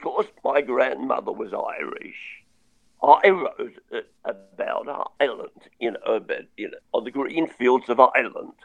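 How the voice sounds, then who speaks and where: A man's voice: medium pitch, expressive, unhurried, vocal fry, muffled recording. A man with a crackling voice, telling his story with wry chat as a songwriter guest. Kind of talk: casual remote interview.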